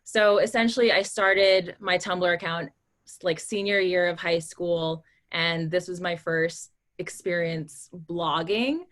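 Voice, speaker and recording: A woman in her thirties from the Philippines, speaking as a panelist in a relaxed, conversational way. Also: fairly low pitch, slow. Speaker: panelist, influencer. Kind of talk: casual panel talk.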